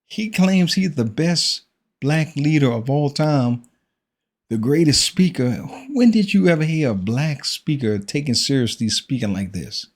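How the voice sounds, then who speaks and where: A man's voice: a little high, lively intonation, measured pace. A man hosting a reaction commentary, speaking in a critical, preachy way and firing off rhetorical questions.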